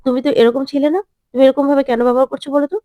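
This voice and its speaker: Lady doing a soft reasoning uncle from a serial, high-pitched and calm. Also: racing, dry recording, clean studio sound, close to an everyday voice. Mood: coaxing. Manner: coaxing, reasoning tone. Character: gentle middle-aged uncle, patient and reasoning.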